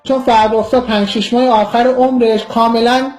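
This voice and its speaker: A man's voice: extremely high pitch, little pitch movement, faint music behind. A man from Iran giving an impassioned political monologue, vehement and scornful, lecturing his listeners. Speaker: political commentator.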